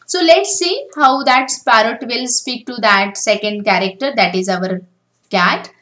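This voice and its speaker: Bright-voiced woman teaching step by step. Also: a little high, measured pace, rough recording. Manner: step-by-step explaining, often starting with "now". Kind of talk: screen-recorded coding tutorial.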